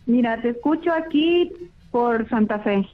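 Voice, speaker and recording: A woman's voice: on the high side, animated, unhurried, faint music behind. Woman in her 50s on a muffled hands-free phone. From Veracruz, Mexico. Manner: chatty, rambling, laughs easily. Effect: muffled hands-free phone sound, hard to understand. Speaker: radio call-in listener. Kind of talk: casual chat on a phone call. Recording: dull lo-fi phone line, faint noise.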